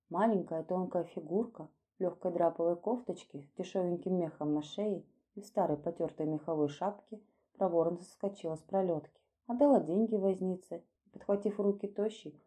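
A woman reads an old story aloud in a measured, literary way. Her voice is low and very dark with a husky edge. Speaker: narrator. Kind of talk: storybook reading.

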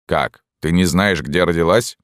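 A man's voice: low voice, measured pace, no room sound, clean studio sound. A man reading an audiobook plays a stern, bearded army sergeant who asks curt, demanding questions. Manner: gruff, interrogating, curt. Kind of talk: audiobook narration.

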